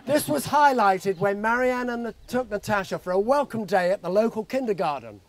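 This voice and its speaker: A man in his sixties delivers a father of the bride speech at a wedding. His voice sits unusually high for a man. He tells jokey stories, reading from notes into a handheld mic. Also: animated, a little fast, slight background noise. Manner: jokey storytelling. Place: outdoor garden wedding reception. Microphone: handheld microphone held close.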